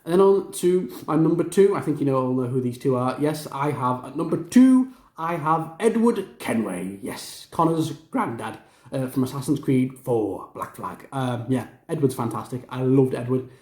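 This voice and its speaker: Enthusiastic rambling man, mellow voice. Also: mid-range voice, normal speed. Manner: enthusiastic, rambling with many fillers and restarts. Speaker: gaming video host. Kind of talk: casual ranking commentary. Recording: roomy echo.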